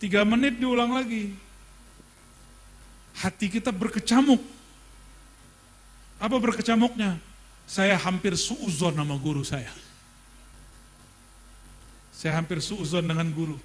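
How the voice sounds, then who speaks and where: A middle-aged man delivers a sermon in a high, light voice. He talks in a relaxed, conversational way, putting questions to his listeners and slipping in jokes as he teaches. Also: unhurried, long pauses. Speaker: Islamic preacher teaching a classical text.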